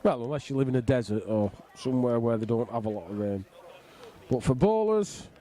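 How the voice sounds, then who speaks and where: A man's voice: medium pitch, animated, a little fast, warm tone. A middle-aged man giving casual, jokey live commentary on a bowls match. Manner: jokey, bantering. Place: outdoors on a flat roof in the rain.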